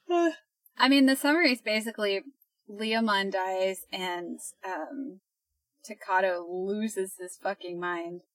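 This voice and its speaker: A woman's voice: mid-range voice, takes it slowly, no room sound, poor audio. A young woman co-hosting a podcast, chatting in a casual, teasing way and laughing often. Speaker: podcast co-host.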